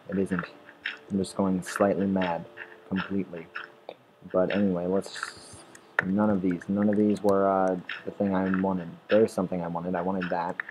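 This is a man with a deep voice doing let's-play commentary into his desk mic. He wanders between thoughts, swears freely and talks back to the game's creatures. Faint noise sits underneath. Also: darkish tone, rough recording. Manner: rambling, swearing, talks at game mobs, restarts sentences. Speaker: gameplay commentator. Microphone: desktop or headset mic.

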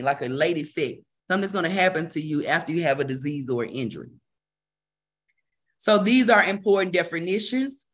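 Running a casual live session, a medical coding instructor chats with the class in a mid-range, fairly bright voice. She repeats key terms for emphasis and tosses in conversational asides.

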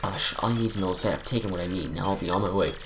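A man doing a sultry, hushed mouse burglar lady. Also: low-pitched, very fast, voice pushed down. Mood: flirty, teasing. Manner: soft, hushed, teasing delivery. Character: sultry female mouse thief, flirty and smug.

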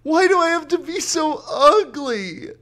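A man's voice: animated, unhurried, pushed and bright, exaggerated voice. A man voicing a tall young woman who sobs and pleads about her looks in a storybook reading. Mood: distraught. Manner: high sobbing pleas.

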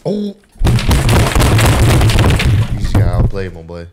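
A man's voice: low voice, huge pitch swings, takes it slowly. A man giving casual reaction commentary as a host, exclaiming often. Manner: laughs often, exclaims at clips. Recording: loud game clip noise behind.

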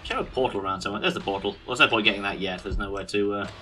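British man, very bright, sardonic gaming commentary. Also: on the low side, racing, faint music behind. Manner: sardonic, mock-grumpy. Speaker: gaming video host. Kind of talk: casual gameplay commentary.

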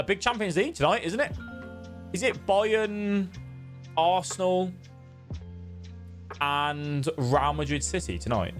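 A young man chats on a live stream, friendly and loose, greeting viewers one after another as he plays. His voice sits at an ordinary middle pitch, with faint music playing under it. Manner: chatty, greets viewers by name. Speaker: gaming streamer. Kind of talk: casual live-stream chat.

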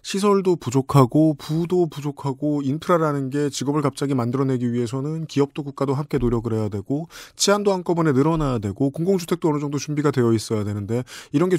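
A man's voice: fairly high pitch, a little mellow, no room sound, studio quality. Chatty man hosting a talk show. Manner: conversational, quick back-channel murmurs. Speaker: podcast host. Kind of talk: casual talk show chat.

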